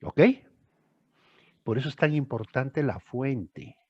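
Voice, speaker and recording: A man's voice: medium pitch, expressive, takes it slowly, a little mellow, slightly rough, dry recording, lo-fi sound. An older man tutoring a student one on one, emphatic and repeating phrases for stress. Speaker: thesis tutor.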